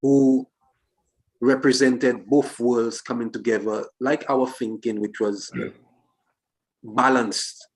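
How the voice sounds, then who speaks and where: Deliberate man reasoning, mid-range voice. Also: medium pitch, fairly even intonation, rough recording. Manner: deliberate, phrase by phrase, questioning. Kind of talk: philosophical reasoning in a discussion.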